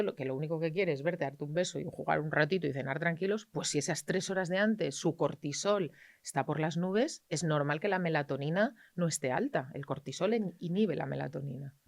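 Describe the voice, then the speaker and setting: Animated woman, dry close sound. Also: sits low, no room sound. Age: middle-aged. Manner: animated, acts out parents and children in quoted voices. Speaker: pediatrician guest. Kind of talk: interview conversation.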